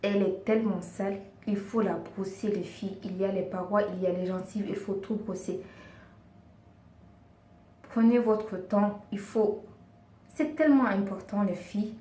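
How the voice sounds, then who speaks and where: A medium-pitched, dark-toned woman speaks at a moderate pace with a steady tone, giving earnest, coaxing beauty advice and frequently calling her viewers girls. This beauty and lifestyle vlogger uses a second language in her casual vlog, sometimes hunting for words. Her distant mic picks up roomy echo and faint background hiss.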